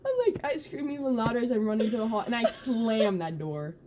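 A young woman co-hosting a casual chat podcast, telling stories in an animated way and acting out her younger self. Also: fairly high pitch, brisk. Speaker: podcast co-host.

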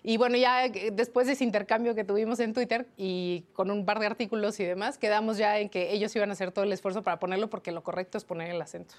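A woman's voice: mid-range voice, fast talker, few pauses. Woman journalist explaining grammar rules. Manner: didactic, lively, many fillers. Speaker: journalist guest. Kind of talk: explanatory interview answers.

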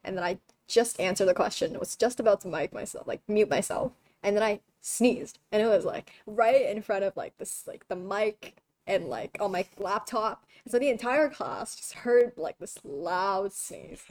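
A woman's voice: mid-range voice, normal speed, darkish tone. A teenage girl and student chatting casually, rambling with many fillers. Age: teens. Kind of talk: casual chat.

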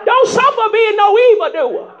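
Very high-pitched and expressive, a woman preaches a folksy sermon at normal speed, working up to shouts. Frequent "huh?" prompts drive the call-and-response with her congregation. The recording quality is dull and lo-fi.

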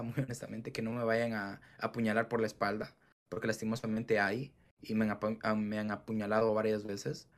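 A man in casual interview talk, animated, swearing casually and acting out the dialogue he quotes. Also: medium pitch. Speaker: entrepreneur guest.

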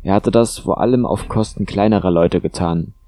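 A man narrating a thriller audiobook in a steady, measured way. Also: sits low.

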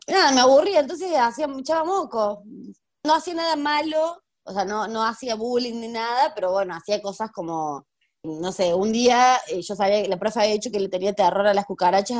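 Woman, 30s, Rioplatense accent, history teacher, chatty, filler-heavy, mid pitch. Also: darkish tone. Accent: Rioplatense Spanish. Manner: chatty, laughs often, frequent fillers. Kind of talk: conversational interview.

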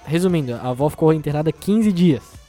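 A man's voice: a little high, animated, a little fast, warm tone, soft background music. Joking young man telling a story. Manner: jokey storyteller, acts out quoted voices. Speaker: podcast co-host. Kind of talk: casual podcast chat.

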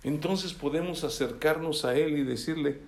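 A man's voice: fairly high pitch, normal speed, a little mellow. A man preaching a sermon in a conversational way, often checking that listeners follow along. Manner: conversational, asks listeners for assent. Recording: echoey room.

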